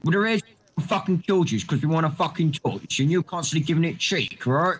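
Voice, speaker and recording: A man's voice: on the high side, animated, fast talker, slight background noise. Menacing man in gang roleplay. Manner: aggressive, menacing. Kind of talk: in-character game roleplay.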